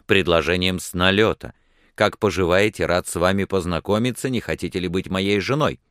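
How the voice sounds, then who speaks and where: Rough, plain-spoken grown man, deep and clear, earnest and halting, as read by a male narrator. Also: fairly bright tone, dry recording, clean studio sound. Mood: pleading.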